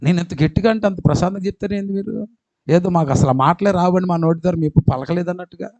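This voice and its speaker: A man with a Telugu accent preaching a sermon as pastor, emphatic, quizzing the congregation and swinging between loud calls and quiet asides. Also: high-pitched, fast talker, dry recording, highs cut off. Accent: Telugu, Andhra. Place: church hall.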